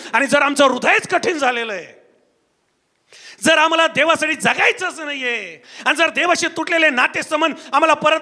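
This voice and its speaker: Male pastor, very high pitched, bright and forceful tone; impassioned preaching, repetitive cadences, shouted climaxes. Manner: impassioned preaching with repeated refrains and shouted peaks; addresses a live congregation and broadcast audience. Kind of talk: sermon.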